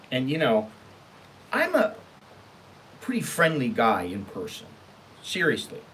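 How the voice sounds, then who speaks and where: Slight background noise accompanies this American man's somewhat bright, high-side voice. Hosting a relaxed online storytime show, he reads out emails and picks them apart bluntly, swearing and sounding emphatic and exasperated.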